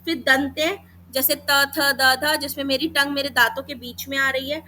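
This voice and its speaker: A woman teaching a Hindi grammar lesson for exam preparation, calling students beta and mixing in English terms while sounding out letters slowly. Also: high voice, steady tone, bright, forceful tone, slight background noise.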